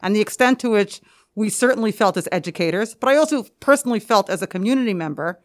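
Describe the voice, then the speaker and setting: Female interview guest, American, average pitch, articulate explainer with emphatic rhetorical questions, lightly muffled by a mask. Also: animated, fast talker. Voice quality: slightly muffled, speaking through a mask. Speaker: interview guest, school administrator and researcher. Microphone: podcast microphone, through a face mask. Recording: slightly muffled by face mask.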